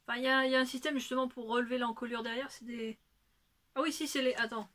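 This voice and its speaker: A woman's voice: a little high, level tone, quick pace, fairly bright tone. A woman with a slightly raised voice, chatting casually as host of her own knitting show. She rambles freely and stops often to hunt for words. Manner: rambling, chatty, full of hesitations. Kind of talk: casual chat.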